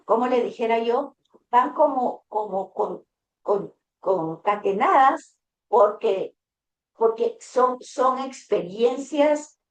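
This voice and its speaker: A woman with a fairly high voice gives an explanatory class talk. She speaks in halting phrases, restarting and repeating words as she works out her point, and she acts out dialogues when she tells anecdotes. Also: a little mellow, roomy sound.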